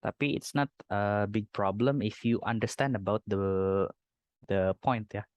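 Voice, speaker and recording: A young man with an Indonesian accent giving a recorded university lecture on English grammar, explaining patiently and slowing down to model example sentences. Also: fairly low pitch, a little mellow, dry recording, dull audio.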